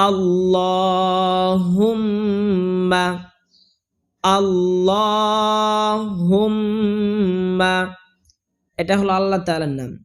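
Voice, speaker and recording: A man teaching correct recitation, explaining pronunciation rules and chanting each phrase in long drawn-out tones. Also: high-pitched. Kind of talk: slow pronunciation lesson with chanted examples.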